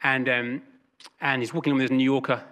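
A man preaching a sermon in church, telling stories in a lively, chatty way with jokes and quick asides. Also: mid-range voice, muffled recording. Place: church hall with congregation.

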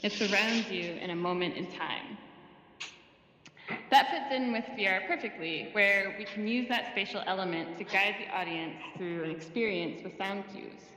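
A woman sound designer giving a presentation, explaining calmly with the occasional filler. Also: mid-range voice, moderate pace, slight background noise. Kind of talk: presentation talk. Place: virtual museum space. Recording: roomy reverberant space with faint ambience.

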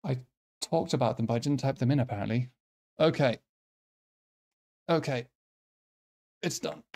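A Nordic man whose first language is Swedish or Finnish, likely from Finland or a neighboring country, chats casually with viewers as a quiz host. He thinks out loud in a halting, self-deprecating way. His voice sits in the mid range with a dark tone.

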